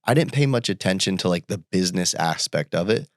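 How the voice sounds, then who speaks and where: A man in his thirties from the United States, chatting casually as a podcast guest and telling animated stories. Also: no echo, studio quality. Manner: animated, quick jumps in pitch when quoting people. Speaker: podcast guest, entrepreneur and father. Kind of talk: casual conversational storytelling.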